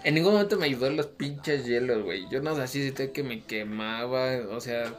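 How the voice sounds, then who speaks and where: A man's voice: mid-range voice, lively intonation, brisk, faint music behind. A young man with a Mexican Spanish accent, chatting casually and telling a story full of slang and swearing. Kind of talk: casual chat.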